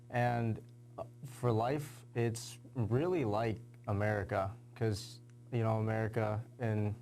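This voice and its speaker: A young man, a high school athlete, answering interview questions casually with lots of fillers. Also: vocal fry, darkish tone. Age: young adult. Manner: casual, lots of "you know" and "kinda".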